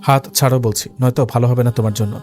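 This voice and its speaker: A man's voice: mid-range voice, steady tone, fast talker, darkish tone, soft background music, natural voice. A man voicing a stern, cruel young husband who gives harsh, commanding orders through gritted teeth.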